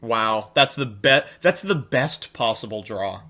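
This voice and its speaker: Excitable man commentating a card game stream. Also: medium pitch, measured pace. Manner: excitable, chatty, reads chat aloud and laughs at his own jokes. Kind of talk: casual live-stream commentary while playing a card game.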